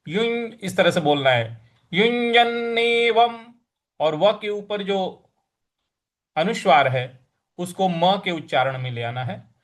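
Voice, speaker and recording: Male recitation teacher, high and very slow, deliberate syllable drills. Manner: chants verses in a melodic sing-song. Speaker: Gita teacher. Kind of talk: recitation lesson.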